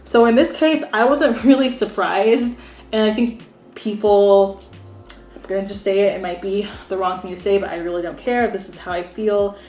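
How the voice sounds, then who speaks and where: A woman's voice: medium pitch, moderate pace, darkish tone. A young American woman giving her frank, opinionated take as a beauty vlogger, chatting casually with lots of "like"s. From United States. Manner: frank, opinionated, conversational with many "like"s. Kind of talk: candid opinion vlog. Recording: roomy echo.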